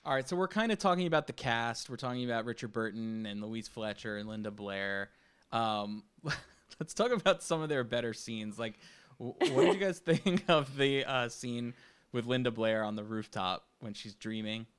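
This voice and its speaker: A man's voice: mid-range voice, normal speed, smooth. A man co-hosting a film podcast, easygoing and chuckling as he steers the talk to the next topic. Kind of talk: casual film-review chat.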